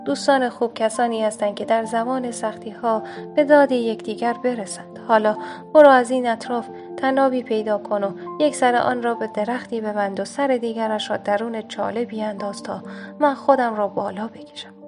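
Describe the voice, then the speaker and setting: Desperate begging wolf in a pit, woman storyteller doing it, coaxing tone, fairly high voice, storybook. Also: steady tone, darkish tone, soft background music, natural voice. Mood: pleading. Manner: pleading, coaxing. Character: proud wolf trapped in a pit, now pleading.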